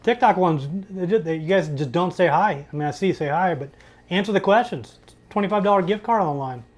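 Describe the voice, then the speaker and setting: Man, high voice, casual trivia livestream host, reads out questions, jokes with the chat. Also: brisk.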